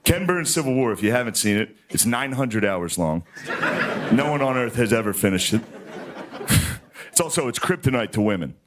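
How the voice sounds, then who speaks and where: A man in his thirties doing stand-up comedy, loose and conversational with deadpan asides, on a stage before a live audience. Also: medium pitch, moderate pace, long pauses. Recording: live show with audience noise. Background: audience laughter.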